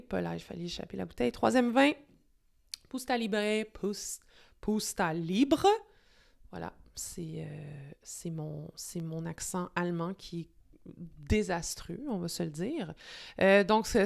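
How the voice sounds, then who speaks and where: Young Québécois woman host, casual and excitable, mid-range voice, lots of "euh" and restarts. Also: mid-range voice. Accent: Québécois French. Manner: enthusiastic, chatty, many fillers and restarts. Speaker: wine show host. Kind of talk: casual wine review to camera.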